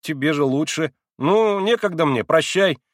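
A man's voice: on the high side, animated, normal speed, no echo, clean studio sound, pitched above the performer's own voice, close to an everyday voice. A man voicing a cocky, bossy schoolboy who teases and lectures in a storybook reading. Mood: brash lecturing. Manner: brash, teasing, lecturing.

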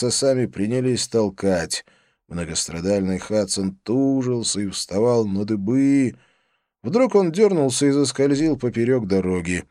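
Expressive male audiobook narrator. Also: fairly low pitch, no room sound, clean studio sound. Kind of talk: first-person literary audiobook narration.

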